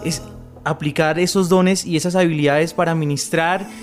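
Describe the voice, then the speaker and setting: A man's voice: on the high side, steady tone, moderate pace, soft background music. A man hosting a radio interview, upbeat and full of enthusiastic interjections. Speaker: radio host.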